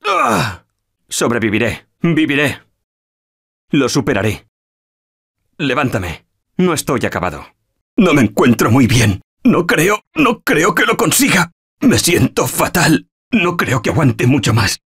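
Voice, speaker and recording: An anxious everyman fighting through a zombie video game. His Castilian Spanish voice is husky and emotive. He speaks in slangy, unhurried phrases with big swings in pitch. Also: sing-song, a bit bright, exaggerated voice. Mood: hurt, weary.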